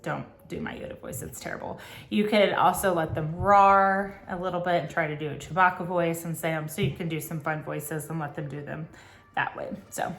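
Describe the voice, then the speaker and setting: A woman's voice: deep voice, steady tone, moderate pace, soft background music. Chatty woman tutor in an echoey room. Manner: chatty and rambling, many ums and self-corrections. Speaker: homeschool co-op tutor. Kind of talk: casual teaching tips video. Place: at home, child nearby.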